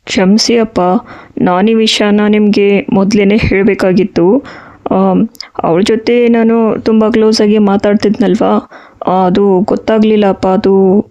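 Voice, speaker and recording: A man's voice: sits high, flat delivery, unhurried, mellow. A man playing a hesitant young son. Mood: apologetic. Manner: hesitant, filler-laden, apologetic. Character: young adult son, office worker, apologetic and hesitant. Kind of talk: Kannada home drama acting. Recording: slightly dull audio.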